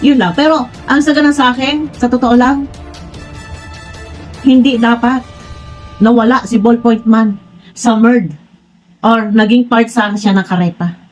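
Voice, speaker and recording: A woman's voice: a little high, steady tone, unhurried, long pauses, darkish tone, faint music behind. A blunt, frank woman talking straight to her viewers in a casual commentary vlog, rambling with many restarts. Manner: blunt, frank, says she is direct to the point. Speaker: vlogger commenting on online personalities.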